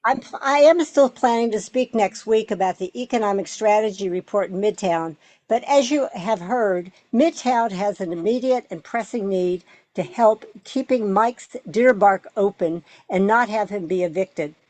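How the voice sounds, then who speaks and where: A woman's voice: mid-range voice, normal speed, a little mellow, no echo. Woman giving public comment, dry close sound. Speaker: resident speaking at council. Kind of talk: prepared public comment speech.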